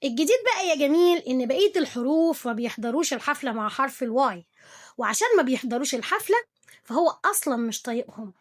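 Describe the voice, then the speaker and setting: A young woman with an Egyptian Arabic accent and a high, bright voice runs a cheerful English lesson for kids. She poses little quiz questions to her pupil and praises every right answer. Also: animated, fast talker. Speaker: English teacher. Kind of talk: playful lesson for children.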